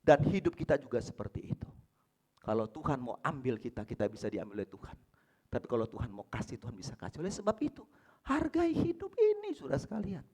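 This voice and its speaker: A man with an Indonesian accent preaching a church sermon, asking rhetorical questions and answering them, swinging from loud emphasis to near whispers. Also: mid-range voice, huge pitch swings, quick pace, husky. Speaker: pastor. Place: church service.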